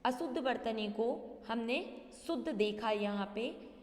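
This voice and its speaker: A woman teacher giving a spelling lesson to young pupils, repeating words slowly and breaking them into syllables. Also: a little high, expressive. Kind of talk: recorded class lesson. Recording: echoey room with long reverb.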